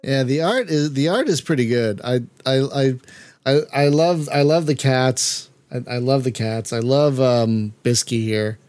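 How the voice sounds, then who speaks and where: A man's voice: medium pitch, measured pace, darkish tone, no echo. A man hosting a podcast, chatting casually while playing a game and reacting aloud with stumbling restarts. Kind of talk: casual gameplay chat.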